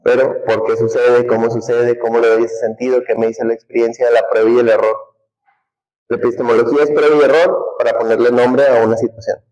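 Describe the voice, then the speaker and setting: A man's voice: mid-range voice, flat delivery, brisk, a little mellow, muffled recording. A man teaching a humanities class, talking conversationally and putting questions to the students. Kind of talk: classroom lecture.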